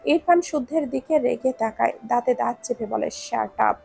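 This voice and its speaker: A woman narrates a romance story in a steady, descriptive reading. Her voice is high-pitched with a gravelly rasp. Soft music sits in the background. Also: a little fast.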